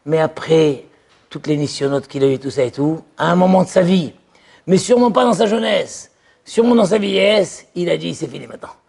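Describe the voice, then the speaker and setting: A man giving an animated religious lecture as a rabbi, telling stories and acting out little dialogues. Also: on the high side, fairly quick, creaky, breathy edge. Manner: lively storytelling, acts out voices. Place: yeshiva lecture hall.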